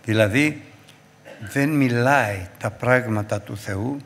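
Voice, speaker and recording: A man preaching a Sunday sermon, fervent, swinging between loud exhortation and hushed asides. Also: mid-range voice, big-room sound, a little hiss or hum.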